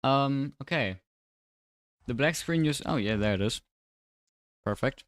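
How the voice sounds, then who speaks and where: A man speaking with braces that make his S sounds slightly off, chatting casually and commentating on a livestream in a low-key, dryly sarcastic way. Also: lively intonation, measured pace, no echo, studio quality. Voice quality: slightly slurred, odd S sounds from new braces. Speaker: livestreamer and sim racing commentator.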